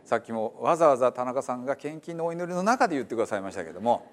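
A man's voice: mid-range voice, big pitch swings, very fast. A man preaching a sermon in a church, explaining Bible translation in a conversational, explanatory way with many fillers. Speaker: pastor.

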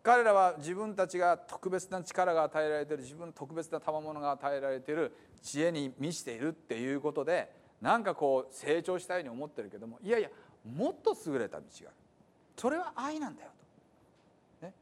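A man preaching a sermon as pastor, explaining scripture with many pauses and fillers and then stressing key points with emphasis. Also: fairly high pitch, expressive. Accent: Hiroshima dialect in the reading. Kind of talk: sermon with scripture reading in dialect.

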